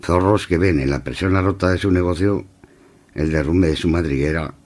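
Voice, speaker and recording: A man presenting scripted literary commentary on radio in an ornate, declamatory manner with a husky voice. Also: low-pitched, normal speed, a little mellow.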